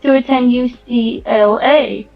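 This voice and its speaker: A young woman reading a story aloud slowly and chatting casually as a guest. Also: on the high side, steady tone, vocal fry. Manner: slow, measured reading. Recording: dull lo-fi mic with music behind.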